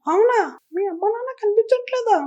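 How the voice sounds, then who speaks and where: A woman voicing an excitable young squirrel who keeps calling out and begging for help in a cartoon. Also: very high voice, brisk, lo-fi sound. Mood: eager. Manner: urgent, repeatedly calling out and begging. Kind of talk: cartoon voice acting.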